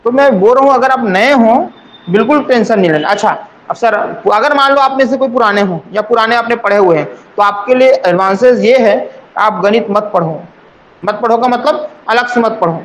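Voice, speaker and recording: High-voiced male exam coaching teacher. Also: rough recording. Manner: repeats points for emphasis, asks students rhetorical questions.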